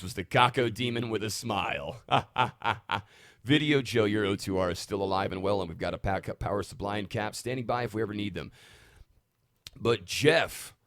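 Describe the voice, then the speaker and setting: A man hosting a live stream from his music studio, rambling excitedly between stories and talk about his gear. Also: low-pitched, no room sound.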